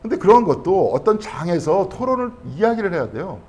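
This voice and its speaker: A man's voice: sits high, big pitch swings, brisk, darkish tone. A male pastor teaching a Bible study class in a conversational way. He keeps asking the class questions and then answers them himself. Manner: conversational, checking in with frequent tag questions.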